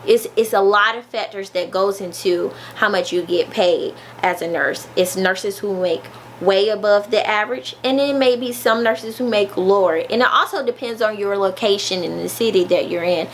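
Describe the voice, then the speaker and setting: A woman's voice: medium pitch, moderate pace, slight background noise. A woman nurse, talking casually to her viewers in a chatty, folksy way with many fillers. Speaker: nurse vlogger. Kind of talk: casual informational vlog.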